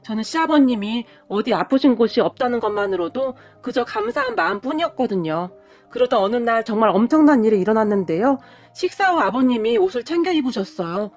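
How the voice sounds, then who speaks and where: A woman narrating a story in first person, expressive and dramatic. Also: on the high side, brisk, faint music behind. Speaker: story reader.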